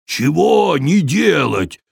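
A man voicing a huge, forgetful, bewildered male giant in a children's story, booming and slow. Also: big pitch swings, creaky, a little mellow, no room sound, clean studio sound, full character voice. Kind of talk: storybook character voice.

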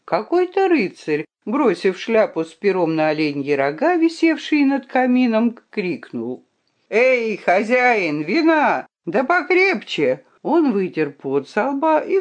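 A woman's voice: fairly low pitch, sing-song, unhurried, hardly any pauses, a little mellow. A woman reading a children's story aloud with dramatic expression.

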